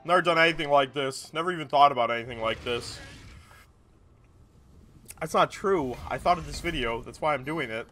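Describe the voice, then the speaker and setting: A man's voice: a little high, brisk, pauses often, pushed and bright, soft background music. A young man giving casual gameplay commentary to viewers, rambling and repeating himself in a tipsy way. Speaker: gaming video creator. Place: small indoor room at a gaming setup.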